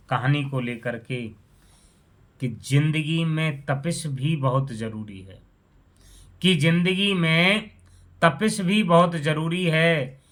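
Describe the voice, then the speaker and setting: A man's voice: mid-range voice, a bit bright. A man telling a moral story and drawing a lesson from it, often addressing his listeners as friends. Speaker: storyteller on his own channel.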